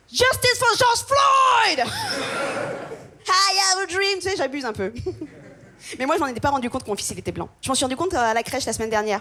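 Une jeune femme humoriste de France, qui fait un spectacle de stand-up, racontant vite et de façon animée en imitant d'autres personnes. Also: female voice, high voice. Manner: quick, animated, acts out voices of others. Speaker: stand-up comedian. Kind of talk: stand-up comedy set.

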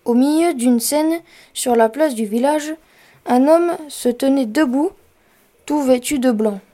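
A woman's voice: high-pitched, a little slow, mellow. A woman reading story narration in a plain, descriptive way.

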